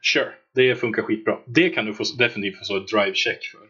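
A relaxed male game master narrates a tabletop game, scattering filler words as he sets the scene. His voice is bright and a little husky, and it comes through a dull, lo-fi mic. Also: lowish voice.

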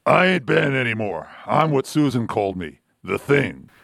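A man voicing a gruff, brawny rock monster hero in an amateur comic-book radio play, talking like a surly tough guy. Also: medium pitch, big pitch swings, moderate pace, a bit bright, dry recording, studio quality, exaggerated voice. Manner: tough-guy slangy grumbling.

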